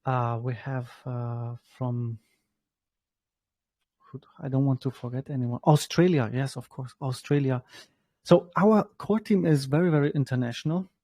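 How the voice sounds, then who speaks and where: Man, 30s, from Germany, hesitant speech, broken grammar, mellow tone. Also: medium pitch, no room sound. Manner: halting, many fillers and restarts, non-native grammar. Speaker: guest, startup founder. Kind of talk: casual spoken self-introduction.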